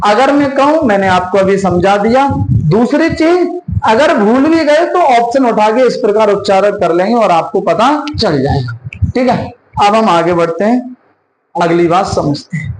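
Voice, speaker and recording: A male teacher giving an exam-prep lesson. He asks questions and answers them himself, and repeats key terms and sounds slowly. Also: high voice, roomy sound, a little hiss or hum, low-quality recording.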